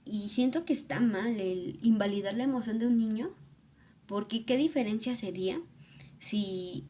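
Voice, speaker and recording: A woman's voice: on the high side, normal speed, dark tone, slight background noise. A young woman, thinking aloud in an earnest, reflective personal vlog. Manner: earnest, thoughtful, musing aloud. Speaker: vlogger.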